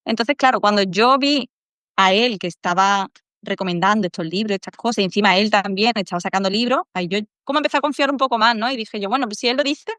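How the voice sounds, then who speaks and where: A woman's voice: mid-range voice, fast talker, fairly bright tone, no echo. A woman with an Andalusian accent, a podcast guest talking in an earnest, reflective way and sometimes acting out her inner dialogue. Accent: Andalusian Spanish. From Málaga, Spain. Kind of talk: casual interview chat.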